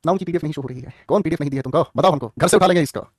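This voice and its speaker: A man's voice: a little high, very fast, breathy edge, dry recording, clean studio sound. A man teaching English grammar in an online class, joking and teasing students as he goes.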